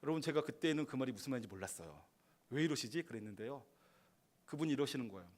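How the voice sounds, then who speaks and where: A middle-aged man preaching a sermon as pastor, acting out quoted dialogue and rising to emphatic high bursts. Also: expressive, fast. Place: church sanctuary.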